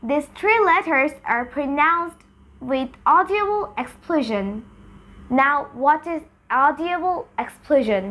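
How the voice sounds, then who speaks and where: A young woman teaches pronunciation, moving between Bengali and English. She repeats single sounds and words one by one to model them. Her voice is high and swings widely, and her pace is very slow and deliberate. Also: lively intonation, muffled recording. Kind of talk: bilingual pronunciation lesson.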